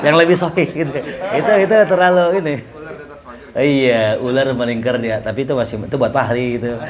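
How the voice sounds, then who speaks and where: A man teaching a class in a relaxed, joking way, reading Arabic lines and explaining them with questions to students. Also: medium pitch, brisk, a crowd in the background. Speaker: ustadz teaching Arabic rhetoric. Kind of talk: casual classroom lecture.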